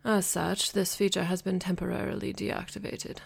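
A woman reading an audiobook, voicing a formal male talking cat who guides a game, in a soft, half-whispered voice. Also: on the low side, flat delivery, normal speed, creaky, breathy edge, heavily acted. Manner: precise, formal and quietly dry.

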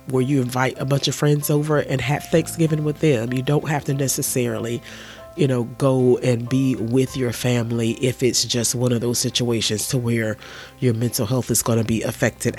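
A man with a cold talks through his podcast, his voice nasal and stuffed-up. His pitch sits in an ordinary middle range, and he offers earnest, gentle advice in an easygoing monologue. Soft music plays faintly underneath. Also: fairly even intonation, normal speed. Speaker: podcast host. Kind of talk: casual solo podcast monologue.

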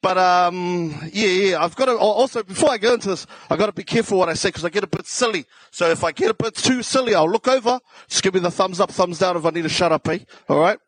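In poor, dry audio, a high-pitched man talks quickly with hardly any pauses and a breathy edge. He's a comedian with a South Auckland New Zealand accent, casually spinning self-deprecating, slangy stories on stage.

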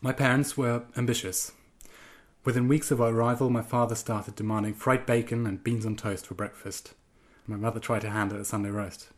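A German-born man in his twenties or thirties, a guest writer, speaks in a steady, mid-range voice at a brisk clip. He fumbles through interview questions with lots of ums and false starts, then reads aloud from his own piece.

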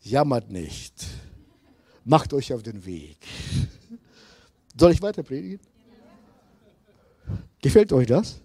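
A middle-aged man preaching a sermon as pastor, slow and emphatic, swinging between loud appeals and hushed asides. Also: mid-range voice, very animated, breathy edge, dry recording.

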